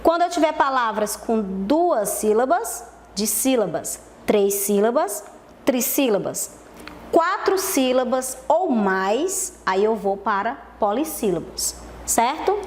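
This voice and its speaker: A Brazilian woman gives a televised lesson to small children, slowing down and repeating each key word so they can follow. Her voice sits a little high for a woman. A faint hiss runs under the recording. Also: big pitch swings. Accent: Brazilian Portuguese. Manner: slow, stretched-out syllables, repeating key words for young pupils. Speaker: primary school teacher.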